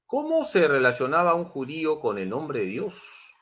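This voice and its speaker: A man's voice: fairly high pitch, wildly swooping pitch, normal speed, fairly bright tone. A man, a priest, teaching a catechism class, emphatic and repeating key points as he addresses his listeners as brothers.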